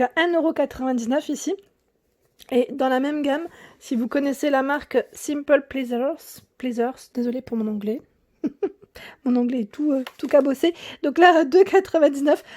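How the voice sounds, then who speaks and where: A woman's voice: sits high, mellow. A young woman chatting casually to viewers, showing off her shopping haul, with many fillers, restarts and frequent laughs. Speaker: YouTube vlogger.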